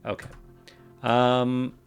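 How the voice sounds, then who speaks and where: A man's voice: medium pitch, monotone, very slow, clear, resonant tone, soft background music. A man casually commenting on a game he plays, thinking aloud and reading out game text. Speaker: game streamer. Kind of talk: let's play commentary.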